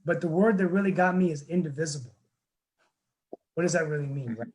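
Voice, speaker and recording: The host of this casual webinar is a man on a town council, speaking a little fast in a fairly high, mildly mellow voice over a video call. Earnest and rambling, he leans on fillers and restarts; the audio is poor, with slight background noise.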